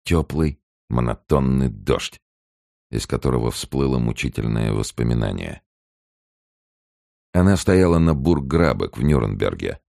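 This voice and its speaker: Deep, gravelly male audiobook narrator. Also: expressive, dark tone, no room sound, clean studio sound. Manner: measured, serious reading. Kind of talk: scripted narration.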